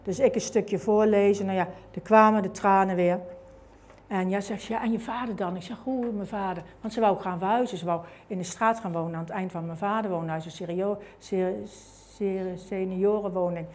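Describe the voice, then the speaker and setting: A woman's voice: medium pitch, fairly even intonation, normal speed, darkish tone. A woman telling her personal faith testimony in a conversational way, full of fillers and tag questions. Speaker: speaker giving a testimony. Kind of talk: personal testimony told as a story.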